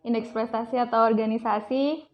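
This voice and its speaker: A woman's voice: a little high, fairly even intonation, fairly quick, muffled recording. A young woman, a student guest, talking in a chatty way and searching for words.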